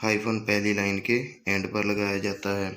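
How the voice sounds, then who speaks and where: Male teacher, lower voice, flat delivery, unhurried overall; reads example sentences then explains. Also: poor audio. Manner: reads English sentences slowly, then explains rapidly in Urdu-Hindi. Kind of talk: exam-prep grammar lecture.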